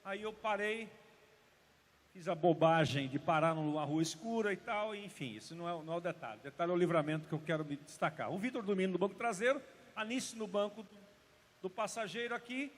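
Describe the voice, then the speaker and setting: High-voiced pastor preaching in a hall. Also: male voice, brisk. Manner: storytelling, emphatic, drops to hushed tones for drama. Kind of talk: sermon. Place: church service. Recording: reverberant church hall.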